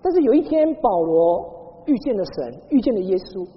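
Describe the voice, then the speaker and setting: Lively woman preaching in an echoing hall. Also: fairly high pitch, normal speed. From Taiwan. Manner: lively storytelling with call-and-response to the congregation. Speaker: pastor. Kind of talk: sermon. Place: church hall. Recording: dull sound in a large echoing hall.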